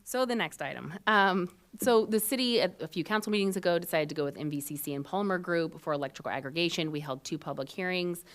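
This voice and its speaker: A woman's voice: fairly low pitch, fast talker, few pauses. A woman serving as city manager, giving a matter-of-fact report to a city council with frequent ums. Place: council chambers.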